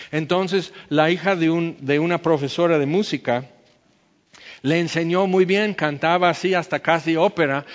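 A man's voice: fairly high pitch, big-room sound, muffled recording. A man preaching a sermon, breaking into sung hymn phrases to make his point and ending in prayer. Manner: slow, sings phrases of hymns to illustrate. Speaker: pastor.

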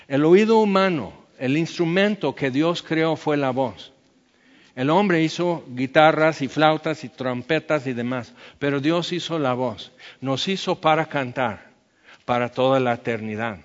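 A man's voice: fairly high pitch, big-room sound, lo-fi sound. A man preaching a sermon, breaking into sung hymn phrases to make his point and ending in prayer. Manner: slow, sings phrases of hymns to illustrate. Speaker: pastor.

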